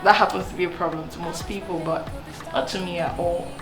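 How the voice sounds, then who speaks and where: A woman's voice: on the low side, steady tone, brisk. A woman from Cameroon, a singer talking earnestly about her career, often restarting and repeating words. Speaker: singer and songwriter. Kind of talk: to-camera interview talk. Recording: echoey room with music underneath.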